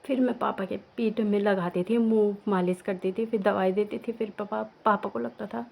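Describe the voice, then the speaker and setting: A woman's voice: medium pitch, steady tone, normal speed, gravelly, darkish tone, low-quality recording. A young woman vlogger telling a personal story in a casual, rambling way, full of restarts, from her village home. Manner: emotional, rambling with many restarts and fillers.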